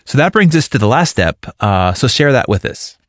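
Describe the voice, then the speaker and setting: A man's voice: medium pitch, big pitch swings, moderate pace, dry recording, clean studio sound. Conversational male interviewer. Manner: conversational, with fillers and repeats. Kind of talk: interview questions.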